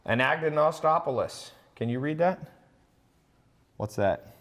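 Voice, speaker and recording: A man's voice: on the high side, lively intonation, slow, a bit bright, long reverb tail. A man hosting a live online sales talk, chatting casually, boasting and reading out viewers' names. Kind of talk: casual live-stream pitch.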